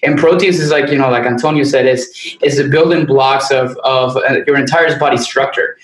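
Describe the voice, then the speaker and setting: A man's voice: mid-range voice, steady tone, normal speed, roomy sound, low-quality recording. A man hosting a casual nutrition podcast, talking in an easygoing, rambling way with many restarts. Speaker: podcast host, nutrition coach.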